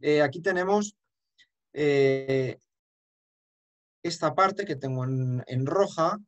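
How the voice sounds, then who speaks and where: A male chant instructor with a fairly high voice speaks at a slow pace. He gives an emphatic lesson, breaking into short sung examples as he explains.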